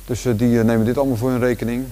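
A man in his forties from the Netherlands, with a Rotterdam Dutch accent, gives a relaxed walking tour of his large indoor gym, chatting casually with lots of fillers and restarts. His mid-range voice races along, picked up by a handheld camera following him.

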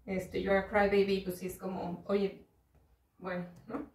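A woman's voice: mid-range voice, level tone, a little slow, a little mellow, distant mic. A woman fishing channel host from Mexico with a Mexican Spanish accent, casually explaining a video clip and often tagging her sentences with fillers. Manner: chatty, explanatory, frequent filler "este" and "¿no?". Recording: roomy echo, voice set back from the mic.

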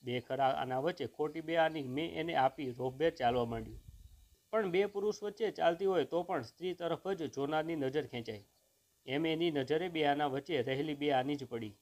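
A man reading a humorous short story aloud in a measured, expressive first-person narration. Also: on the high side.

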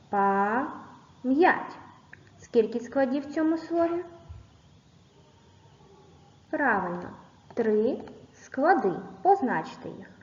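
A woman's voice: on the high side, darkish tone. A woman teaching a recorded lesson to young pupils, patiently dictating and spelling out sounds and syllables. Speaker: primary school teacher. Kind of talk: recorded video lesson for children. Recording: echoey room, dull lo-fi sound.

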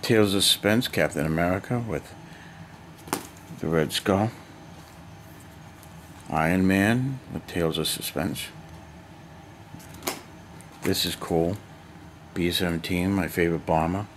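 Low-voiced older man rambling through his hoard. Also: takes it slowly, long pauses. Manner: rambling, chatty, listing items one by one. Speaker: collector showing his hoard. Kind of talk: casual unboxing vlog. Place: cluttered basement storage room. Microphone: handheld camera mic. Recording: noisy home camera audio.

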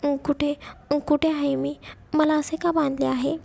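A woman's voice: high voice, little pitch movement, a little slow, creaky, darkish tone, exaggerated voice. A woman voicing a frightened young woman held captive, tearful and begging to be let go, in an audio story. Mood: pleading. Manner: pleading, begging.

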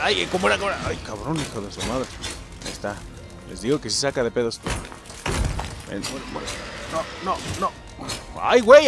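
Excitable Mexican man gaming. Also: a little high. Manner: excitable, yelps and swears at scares. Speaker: gameplay streamer. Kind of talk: let's play commentary.

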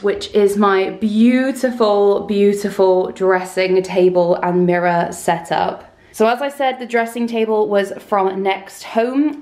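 A woman in her twenties from the UK, chatting enthusiastically on camera as she shows off her room, recorded on a handheld camera in a small bright room. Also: mid-range voice. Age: 20s. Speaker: beauty YouTuber. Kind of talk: casual room tour vlog.

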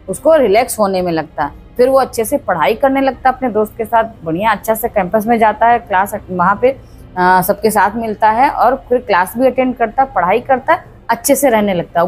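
A woman's voice: a little high, a little mellow. A woman narrating a horror story in a plain, repetitive storytelling manner.

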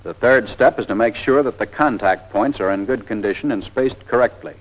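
A mid-range American male voice at normal speed narrates a scripted training film from the 1940s. He delivers it in a methodical, plain-spoken, folksy instructor's way, and the old soundtrack comes across dull and band-limited.

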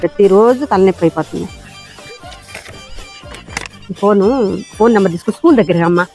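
A woman acting an exasperated schoolteacher in a comedy sketch, who explains slowly in a lower, weary voice. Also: darkish tone, soft background music, natural voice. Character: exasperated schoolteacher woman, patient but fed up.

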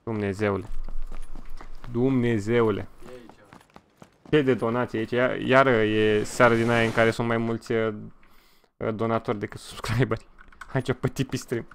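A man from Romania streaming a game live, excitable and swearing freely as he thanks donors between fights. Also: medium pitch, long pauses, slight background noise. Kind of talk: live gameplay stream commentary.

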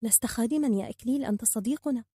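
A woman's voice: fairly high pitch, very fast, warm tone, breathy edge, dry recording, clean studio sound. Woman doing a young girl, kind-hearted, outspoken, firm yet tender, storybook. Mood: gentle.

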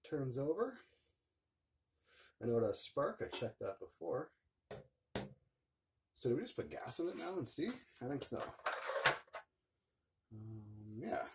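Working on a mini bike, this middle-aged Canadian mechanic host talks unhurriedly with long pauses, his mid-range voice swinging widely in pitch. His chat is relaxed, colloquial thinking-aloud, captured in a noticeably noisy garage with clicks.

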